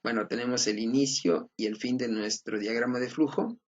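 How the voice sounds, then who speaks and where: Man, patient recorded lecture, husky voice, muffled audio. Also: mid-range voice, steady tone, moderate pace. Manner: patient, repeats points, checks in with students. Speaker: teacher. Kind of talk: recorded lecture explaining slides. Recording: dull lo-fi recording.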